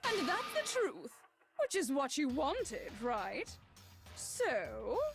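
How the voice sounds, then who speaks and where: A gloating, queenly teenage girl villain for a video game. She is slow and grandiose, with huge swings of pitch over background music. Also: very animated, creaky, heavily acted. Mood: taunting. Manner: grandiose, taunting, drawn-out. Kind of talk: English video game voice acting.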